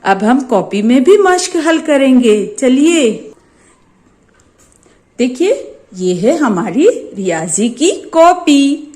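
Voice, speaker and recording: Woman teacher, Urdu-medium Maharashtra accent, high and very lively, patient question-and-answer delivery for small children. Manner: slow, sing-song questions answered by herself. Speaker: primary school teacher. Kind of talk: teaching a first-grade maths lesson.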